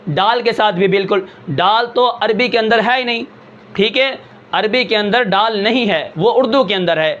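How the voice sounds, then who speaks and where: A man with a fairly high voice teaches a tajweed pronunciation lesson, explaining patiently step by step. He poses questions and answers them himself, and now and then slows down to draw out a sound. The recording is somewhat dull and lo-fi. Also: a bit bright. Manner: patient, explanatory, asks himself rhetorical questions and checks in with "okay"; slows and draws out words to demonstrate sounds. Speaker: Quran recitation teacher.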